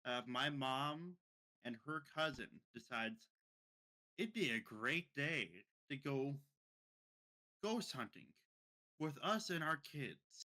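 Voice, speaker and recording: Young male podcast co-host, rambling storyteller, bright and crisp tone. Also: medium pitch, lively intonation, takes it slowly, long pauses. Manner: rambling, many repeated words and restarts. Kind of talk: casual storytelling.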